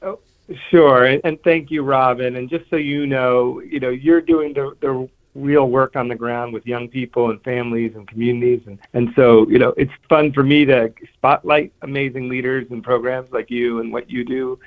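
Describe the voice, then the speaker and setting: A man's voice: mid-range voice, steady tone, normal speed. Guy from new jersey calling into a radio show, earnest and rambly, sounds like he's on a phone line. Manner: earnest, with frequent restarts. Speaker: guest. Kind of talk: conversational radio interview.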